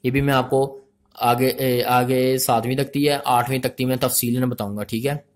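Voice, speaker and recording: A man teaching Quran reading, slowly spelling out letters and vowel marks, then blending the syllables in a measured, drawn-out way. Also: mid-range voice, level tone. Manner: addresses learners as friends. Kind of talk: spelling-out recitation lesson.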